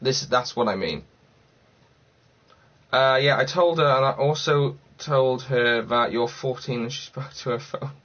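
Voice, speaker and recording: A man's voice: mid-range voice, a little slow, a bit bright. Chatty man from Cardiff on a livestream. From Cardiff, Wales. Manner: chatty and rambling, thinks aloud. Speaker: livestream host. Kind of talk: casual livestream chat answering viewer comments. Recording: slightly dull lo-fi sound.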